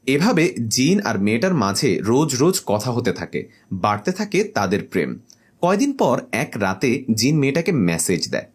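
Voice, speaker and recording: A man narrating a scripted comic horror story in an animated, playful way. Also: mid-range voice, moderate pace, slightly rough.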